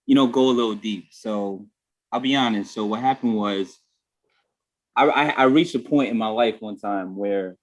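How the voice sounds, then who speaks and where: A man's voice: fairly low pitch, moderate pace, muffled recording. A man on a group video call telling a candid personal story in a reflective way, full of "you know" fillers. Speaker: guest.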